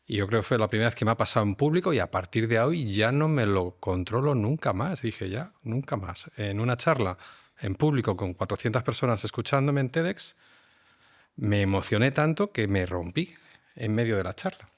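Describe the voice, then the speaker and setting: A man's voice: fairly low pitch, lively intonation, brisk. A man, a scientist and university lecturer, reflectively telling personal stories as a podcast guest. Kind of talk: casual podcast conversation.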